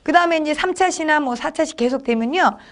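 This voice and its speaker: Brisk, chatty middle-aged woman instructor, high voice, explaining teaching steps. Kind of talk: lecture for teachers.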